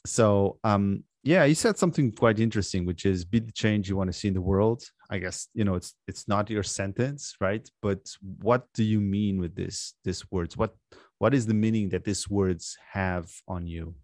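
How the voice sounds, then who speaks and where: Low-pitched man hosting an interview. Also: normal speed, darkish tone, no room sound, clean studio sound. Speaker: podcast host and interviewer. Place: underground bunker-like studio in Lisbon.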